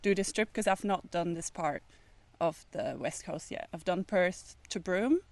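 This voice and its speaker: A woman from Belgium speaks in a chatty, excited way to a group of fellow travellers. Her voice sounds dry and close, with no room echo. She laughs easily. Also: lowish voice, a little slow. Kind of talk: casual group introductions.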